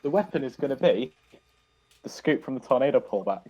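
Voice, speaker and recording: A man's voice: mid-range voice, expressive, a little fast, breathy edge, lo-fi sound. Chatty man describing his robot build. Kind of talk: casual commentary while working.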